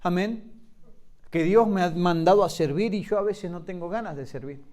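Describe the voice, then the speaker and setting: High-voiced passionate preacher man. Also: moderate pace. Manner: passionate, swinging between loud emphasis and soft low asides. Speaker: pastor. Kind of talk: sermon.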